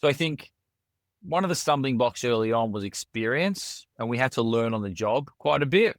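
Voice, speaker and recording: An Australian man speaks as a guest in a casual podcast interview, with an earnest, searching way of talking full of fillers and restarts. His voice sits at an ordinary middle pitch. The sound is dry and close, with no room around it. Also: animated, moderate pace, no echo. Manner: earnest, with frequent fillers and repeated words.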